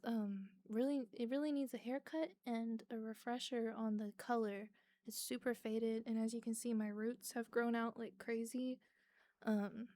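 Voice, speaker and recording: Woman streamer just chatting w/ chat at home, mellow warm voice, jokey and self-deprecating, desk mic. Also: a little high. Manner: chatty, self-deprecating, answers viewers' messages. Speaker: live streamer. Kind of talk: casual chat with viewers between songs. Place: her apartment. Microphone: desk microphone she can mute.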